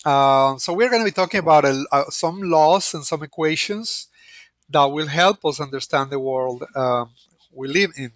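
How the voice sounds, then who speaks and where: A man teaching an online lecture as the instructor, speaking hesitantly with many pauses and restarts into a computer microphone. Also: a little high, dry recording.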